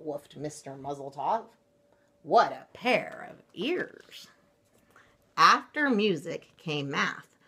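Slow, expressive woman reading a picture book. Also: lowish voice, slightly rough. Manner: expressive and unhurried, drawn-out words. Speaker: storyteller. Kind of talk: children's picture-book read-aloud.

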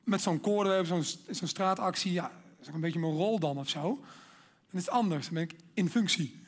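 High-voiced man preaching with emphatic fervor. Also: fairly quick. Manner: earnest, emphatic, builds to loud exhortation. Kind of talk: sermon.

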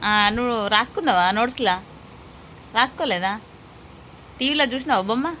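A woman's voice: a little high, lively intonation, a little fast, slight background noise. A woman in her thirties with a Telangana Telugu accent, chatting with her children at home and narrating her cooking for a family vlog. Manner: coaxing, questioning children, then quiet cooking narration. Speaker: mother and vlog host. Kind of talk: casual family vlog chat. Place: home kitchen.

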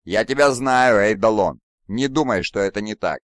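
A man's voice: fairly low pitch, animated, moderate pace, dry recording. A furious, arrogant demigod warlord, voiced by a man reading an audiobook, bellowing in a raised, strained voice. He spits contempt at those beneath him and demands obedience. The read is dry and close. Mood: contemptuous. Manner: imperious, raging, contemptuous shouting. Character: arrogant wrathful demigod warlord, male, towering.

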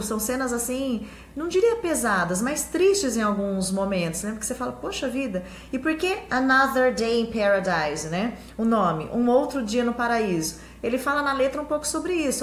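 A Portuguese-speaking woman teaching an English lesson in a chatty way, checking in with her viewers often. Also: fairly high pitch. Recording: echoey room with faint hum.

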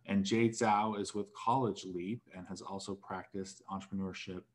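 A man moderating a recorded online panel, measured and with frequent fillers, over a video call. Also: deep voice, steady tone. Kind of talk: webinar moderation.

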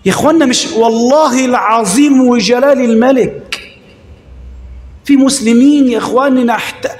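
A man with an Egyptian accent teaching religious law to a congregation, switching between slow recitation and quick colloquial asides, questioning his listeners. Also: very high-pitched. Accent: Egyptian Arabic. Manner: lively, shifts between slow recitation and rapid colloquial asides, calls on the audience. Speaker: sheikh teaching Islamic jurisprudence. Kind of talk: Egyptian colloquial lesson-sermon. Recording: echoey hall with long reverb.

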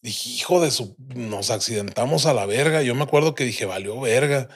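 A man's voice: mid-range voice, lively intonation, normal speed, husky. A young adult man with a Mexican accent, a podcast guest telling a crude, vivid story full of slang and swearing. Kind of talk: casual storytelling.

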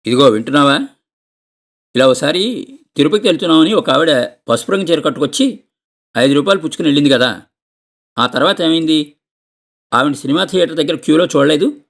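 Stern know-it-all husband in a story, gravelly and pushy, as a man reads him. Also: medium pitch, expressive, brisk, pauses often. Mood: lecturing. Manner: insistent, scolding. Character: stern middle-aged husband, practical, lecturing.

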